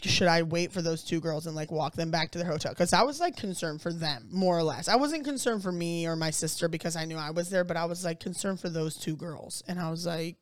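A woman chatting casually, telling an animated story full of swearing and fillers. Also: fairly low pitch, brisk, few pauses, dry recording. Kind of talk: casual chat.

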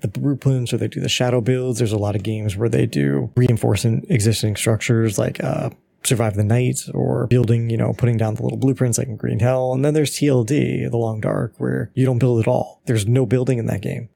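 A man's voice: medium pitch, fairly even intonation, brisk, creaky, dark tone, no echo. A man co-hosting a podcast in casual chat, rambling along, swearing freely and filling his talk with likes and you-knows. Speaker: podcast co-host.

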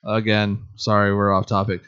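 A man's voice: lowish voice, completely flat delivery, moderate pace, a bit bright, clear, resonant tone, highs cut off. A man co-hosting a podcast in casual chat, chatty and laughing often. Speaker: podcast co-host.

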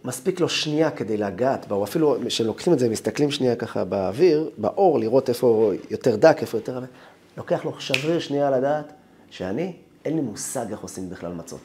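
A rabbi tells a personal story in his sermon, his voice rising and falling with animation. He draws listeners along with vivid first-person narration. His pitch sits at an ordinary male middle. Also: animated, a little mellow.

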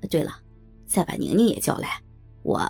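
A woman voicing an emotional older man in a low, pleading tone. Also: moderate pace, dark tone, faint music behind, lightly acted. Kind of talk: erotic audio novel reading.

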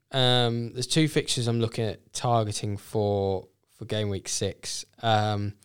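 A man with a clean voice on the low side appears as a podcast guest in a casual fantasy football chat. He thinks aloud and corrects himself as he goes.

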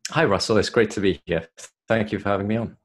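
A man with a soft South Welsh accent, chatting casually as a guest in an interview. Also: lowish voice, fast. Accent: South Welsh, softened. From South Wales. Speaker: podcast guest, solicitor.

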